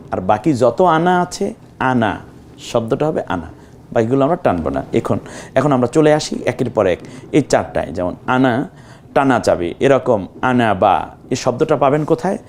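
A man teaching Quran recitation step by step, patiently repeating words and breaking into drawn-out melodic chanting of the verses. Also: mid-range voice, darkish tone, slight background noise. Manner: drawn-out melodic chanting of Arabic verses between plain explanations. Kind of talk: slow step-by-step recitation lesson.

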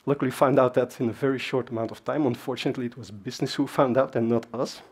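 A fast, husky, darkish mid-range voice with fairly even intonation belongs to a Dutch-native man giving a laid-back technical talk. He stands on a big dark conference stage, and his conversational delivery is full of fillers and asides.

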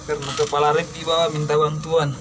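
Filming on a handheld phone inside a cramped mine tunnel, a man with an Eastern Indonesian accent offers casual running commentary as a miner. He speaks quickly in a monotone over loud rumbling noise.

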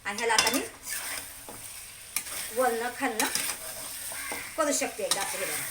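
Home cook host, Marathi-accented woman, high voice, echoey kitchen, sizzling pan behind. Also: lively intonation, a little slow. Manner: chatty, keeps asking "okay?" and telling viewers to look. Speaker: home cooking channel host. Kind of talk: casual cooking demonstration. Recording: echoey kitchen with cooking noise. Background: sizzling pan and clattering pots.

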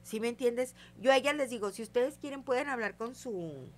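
An older woman tells personal stories in a casual interview. She acts out the dialogue in her stories, and her voice sits fairly high. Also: fairly quick. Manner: tells stories vividly, acting out quoted dialogue. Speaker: guest psychic.

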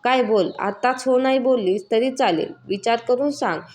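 A woman's voice: on the high side, moderate pace, darkish tone, natural voice. A woman voicing a scheming, lecherous male village moneylender in a spoken story, menacing and coaxing. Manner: menacing, coaxing then threatening.

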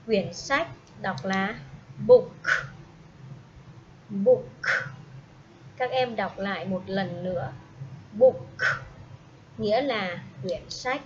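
A woman teaching a primary school English class, speaking slowly and patiently and having pupils repeat each word after her. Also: mid-range voice. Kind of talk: slow classroom instruction with repeat-after-me drills. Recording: dull lo-fi audio with faint noise.

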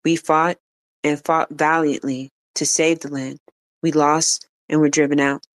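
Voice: mid-range voice, flat delivery, a little slow, dry recording, close to an everyday voice. A reader voicing a stern, grieving refugee mother in read-aloud dialogue, speaking earnestly and steadily.

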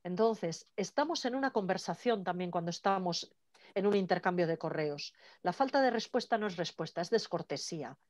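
A woman leading an online workshop in a lively, conversational way. She acts out quoted dialogue as she talks. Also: lowish voice, moderate pace, dry recording, clean studio sound. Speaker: workshop trainer. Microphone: video call.

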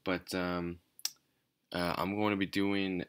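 A man giving casual, off-the-cuff game commentary in a quiet, low-energy, hesitant and rambling way. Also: little pitch movement, slow, smooth. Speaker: gaming channel host. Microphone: speaking away from the mic at times.

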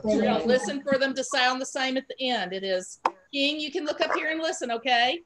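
A woman's voice: high voice, brisk, crowd noise. A woman teaching an online pre-K class, giving patient, encouraging prompts over a video call.

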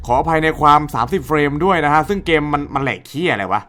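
A man's voice: fairly high pitch, sing-song, fast, bright, forceful tone. A young man casually commenting on a horror game, swearing a lot and shrieking and laughing at the scares. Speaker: gaming YouTuber. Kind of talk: horror let's play commentary.

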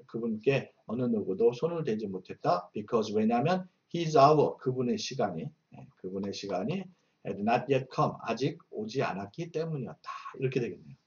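A man's voice: mid-range voice, darkish tone, muffled recording. A man teaching English Bible verses in a patient, explanatory way, reading each line and then explaining it, a native Korean speaker. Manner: patient, repeats glosses, fillers like "어" and "자".

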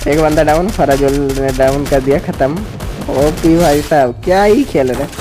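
A man, a gaming YouTuber, giving excited, crude-slang commentary as he cheers on his teammates during a match. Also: fairly high pitch, moderate pace, over music. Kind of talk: excited live gameplay commentary.

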